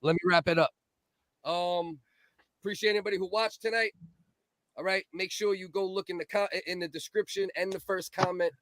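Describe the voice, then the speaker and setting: A man hosting a casual podcast, loud and profane, repeating himself for emphasis. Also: sits high, fairly even intonation, fairly quick, no room sound. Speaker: podcast host.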